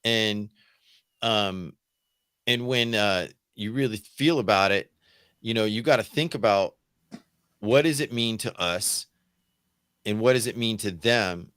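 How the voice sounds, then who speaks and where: A man's voice: lowish voice, a little slow, pauses often, a bit bright, clean tone, no room sound, clean studio sound. A man hosting a podcast, chatting loosely and asking guests questions. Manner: conversational, asks questions, laughs easily. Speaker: podcast host. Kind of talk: casual chat.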